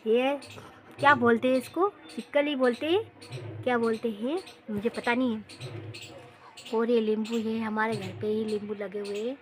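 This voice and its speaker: A woman's voice: fairly high pitch, steady tone, normal speed. A woman vlogging a casual tour of her home and garden, repeating herself and talking straight to viewers. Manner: chatty, repeats phrases, talks straight to viewers.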